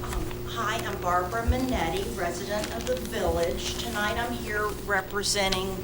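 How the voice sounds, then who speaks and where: A woman with a slow Southern drawl, reading a prepared announcement as a community volunteer at a public meeting. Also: mid-range voice. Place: indoor village board meeting. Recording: noisy public meeting room recording.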